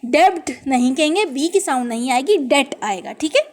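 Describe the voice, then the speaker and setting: A woman teaching English spelling, who slowly repeats each word and spells it out letter by letter. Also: sits high, expressive, darkish tone. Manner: reads English verse lines slowly and deliberately. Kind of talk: classroom lesson explaining English spelling in Hindi.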